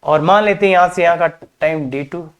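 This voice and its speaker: A man with a slightly high voice speaks fairly quickly in a clean tone, though the audio is dull. He's a maths teacher lecturing a class on coordinate geometry, chatting casually, mixing in English terms and repeatedly calling his students kids. As he works through each step, he tosses out rhetorical questions.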